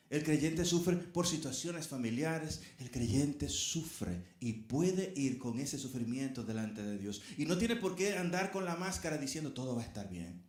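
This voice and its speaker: A man's voice: mid-range voice, echoey room. A middle-aged man preaching a sermon as a pastor, earnest and speaking straight to his congregation.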